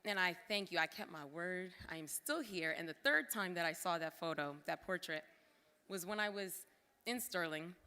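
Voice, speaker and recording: Her voice is fairly low and clean, pushed and bright, with lively intonation at a moderate pace. The former cultural center director offers a moving thank-you speech in a large gala hall, breaking off for casual comments to the crowd, all under long reverb.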